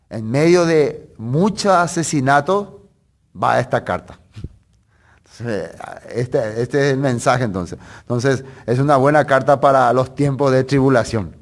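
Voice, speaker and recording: Teaching a Bible passage conversationally, this medium-pitched preacher asks rhetorical questions along the way. He also stops to correct himself throughout his sermon.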